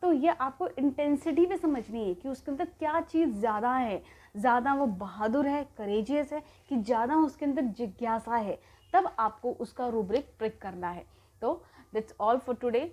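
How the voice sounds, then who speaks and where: A woman teaching in a recorded lecture, her voice mellow and a little high. She hesitates often, fills pauses and drops English terms into her explanations. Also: expressive. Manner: hesitant, many fillers, mixes English terms.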